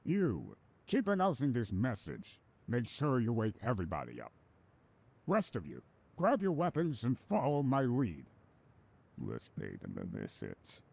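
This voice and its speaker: An actor playing a ruthless, contemptuous male village leader in a game, with a very deep gravelly voice, barking orders. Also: huge pitch swings, normal speed, a little mellow. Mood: commanding. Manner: barks orders, scornful. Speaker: village director.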